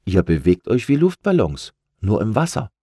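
A man's voice: on the low side, big pitch swings, normal speed, dark tone, slightly rough, no echo, studio quality, exaggerated voice. A man voicing a small, curious balloon boy in a children's storybook, with a childlike, eager manner.

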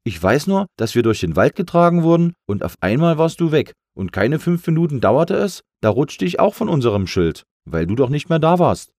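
A man's voice: on the high side, big pitch swings, moderate pace, few pauses, a little mellow, no echo, clean studio sound, voice pushed up. A man doing an indignant little letter C. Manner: indignant, tumbling storyteller. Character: small letter C, indignant and chatty.

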